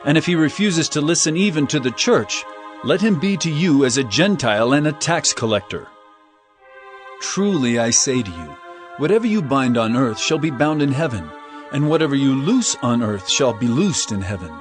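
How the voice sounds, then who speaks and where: An actor playing Jesus as an earnest, emphatic teacher of solemn parables in a dramatized scripture reading. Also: male voice, mid-range voice, sing-song, moderate pace, faint music behind, close to an everyday voice. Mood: solemn, admonishing.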